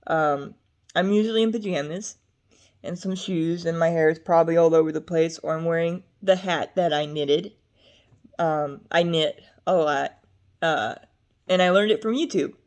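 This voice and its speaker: A woman's voice: low-pitched, moderate pace, a little mellow. A young adult woman vlogging to camera in a rambling, chatty way, drifting between topics with frequent fillers. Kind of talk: casual talk to camera.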